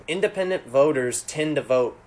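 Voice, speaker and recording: A man chatting casually about politics, restarting his words often and leaving long pauses. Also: fairly high pitch, animated, a little mellow. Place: cold unheated jam room.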